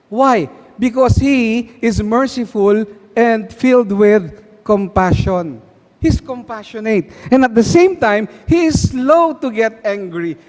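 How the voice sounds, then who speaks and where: Filipino male preacher, fairly high voice, slow and deliberate, hall reverb. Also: a little mellow. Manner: switches between Tagalog and English, asks the crowd questions. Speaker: guest preacher. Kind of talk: sermon at a prayer meeting.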